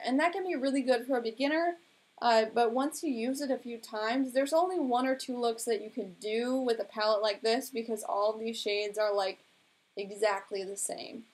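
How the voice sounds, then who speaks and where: Young woman rambling on her live stream, kinda high voice, says like a lot. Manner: chatty and rambling, heavy use of "like". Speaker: beauty vlogger hosting a live stream. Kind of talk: casual live-stream chat about makeup.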